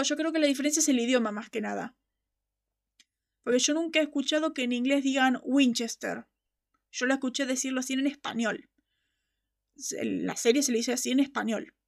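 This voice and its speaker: Passionate woman podcast host, high voice with a gravelly edge, emphatic and quick to laugh. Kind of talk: casual fan-show chat.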